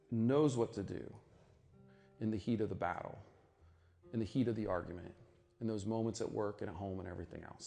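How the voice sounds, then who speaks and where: A man's voice: fairly low pitch, gravelly, dark tone. Earnest middle-aged man, conference speaker, reflective sermon delivery, faint music underneath. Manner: earnest, reflective, many restarts. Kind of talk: sermon-style talk at a conference.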